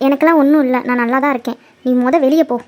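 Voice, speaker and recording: A woman's voice: sits high, fairly even intonation, racing, a little mellow, lightly acted. A woman voicing a young cartoon girl who deflects a proposal, defensive and then pleading, with music behind. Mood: annoyed. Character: young woman torn and tearful over a proposal. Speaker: cartoon character. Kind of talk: cartoon voice acting.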